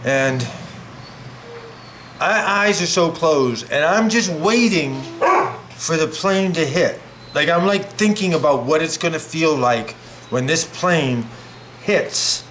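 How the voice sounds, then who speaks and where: A man's voice: on the high side, slow, noisy background. A middle-aged man rambling casually through a personal story, full of "like" fillers, talking while he prepares food at home. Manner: rambling, animated, many "like" fillers.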